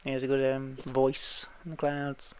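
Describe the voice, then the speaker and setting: A man's voice: completely flat delivery, moderate pace, a bit bright, smooth, no echo. A young man from England co-hosting a film podcast, chatty and laughing often. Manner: chatty, laughs often, acts out quotes in high squeaky voices. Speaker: podcast co-host. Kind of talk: casual chat.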